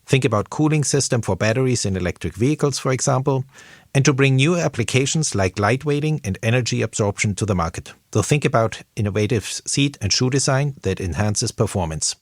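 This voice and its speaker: A man speaking in a recorded voice message played back, giving a prepared business statement in a steady, read-out way. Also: mid-range voice, brisk, no echo, clean studio sound. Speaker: industry team lead.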